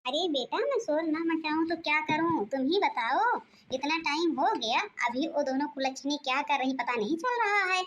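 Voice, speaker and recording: A woman voicing a domineering, arrogant older mother-in-law in a cartoon, shouting and taunting her daughters-in-law. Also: high-pitched, expressive, normal speed, lo-fi sound, a little hiss or hum. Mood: scolding. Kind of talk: cartoon voice acting.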